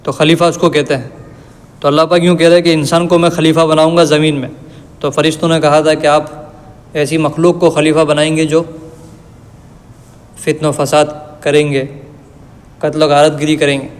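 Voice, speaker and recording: A man giving a religious lesson, reciting verses slowly and then explaining them in plain everyday words. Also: on the high side, flat delivery. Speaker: Quran teacher. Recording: long reverb.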